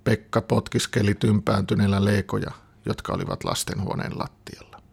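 Gravelly low-voiced man reading a story. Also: huge pitch swings. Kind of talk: reading a children's story aloud.

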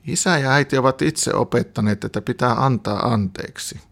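A man's voice: mid-range voice, vocal fry, a bit bright. A man voicing an earnest young boy who pleads and explains in a storybook reading.

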